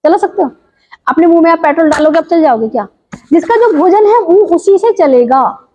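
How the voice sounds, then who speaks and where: A woman teaching yoga and diet in an informal talk, asking listeners lively rhetorical questions. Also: very high-pitched, a little fast. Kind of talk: informal health talk to viewers. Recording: dull lo-fi sound.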